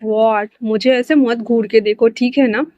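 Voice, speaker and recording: A woman's voice: a little high, steady tone, measured pace, darkish tone, no echo, lo-fi sound, close to an everyday voice. A woman voicing a pouty, crybaby younger brother who whines and sulks in a read-aloud fan story. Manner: whiny, sulky pleading.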